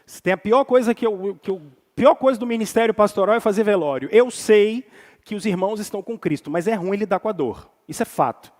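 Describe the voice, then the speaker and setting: High-voiced Brazilian pastor in echoing church. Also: male voice, brisk, darkish tone. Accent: Brazilian Portuguese. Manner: informal, slangy, addresses the congregation directly. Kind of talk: casual conversational sermon. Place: church sanctuary.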